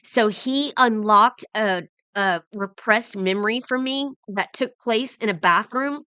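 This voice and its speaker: A woman's voice: a little high, unhurried, bright, forceful tone, smooth, no echo. A middle-aged woman telling a personal story, earnest and emotional, often restarting her sentences. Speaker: vlogger.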